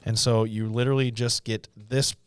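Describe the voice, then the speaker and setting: A man co-hosting a podcast in casual chat, explaining things to listeners in a relaxed, rambling way. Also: mid-range voice, moderate pace, smooth, dry recording. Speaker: podcast co-host, gun shop staff.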